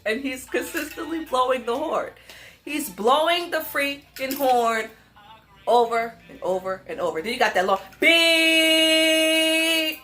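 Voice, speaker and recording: A young adult woman telling a casual story on her vlog, animated and emphatic, often breaking into laughter. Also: a little high, normal speed. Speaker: vlogger.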